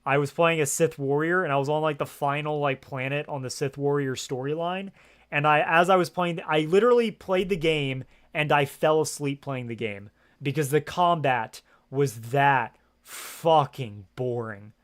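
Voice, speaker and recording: A man's voice: a little high, moderate pace. A man streaming a video game, chatting casually into a gaming headset from his home setup, rambling with plenty of fillers and frequent swearing. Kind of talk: casual livestream chat.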